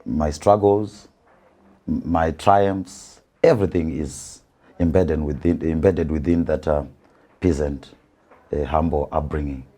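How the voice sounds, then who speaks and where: A man from rural Zimbabwe, speaking with a Zimbabwean accent, is an author laying out his views in an interview. He repeats points deliberately for emphasis, in a very deep, warm, steady voice.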